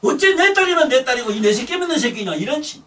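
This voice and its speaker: An older man with a thick Busan accent delivers a rambling sermon, blunt and scolding, with coarse language. His voice sits high and leaps around with lively swings in pitch. He is recorded from some distance from the mic. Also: fast talker. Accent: Gyeongsang (Busan). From Busan, South Korea. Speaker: Buddhist dharma teacher.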